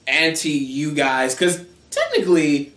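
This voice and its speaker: A man co-hosting a casual wrestling podcast, talking quickly with bursts of excitement and frequent laughter. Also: on the high side. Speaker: wrestling show co-host. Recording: roomy echo.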